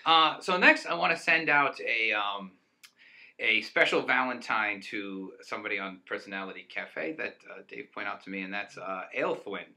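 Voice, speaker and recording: A man co-hosts a casual chat, talking at length in an excited, rambling way and breaking into laughter. His voice is very bright and forward. He sounds like a young adult. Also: on the low side, normal speed. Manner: rambling, enthusiastic, laughs often. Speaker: co-host.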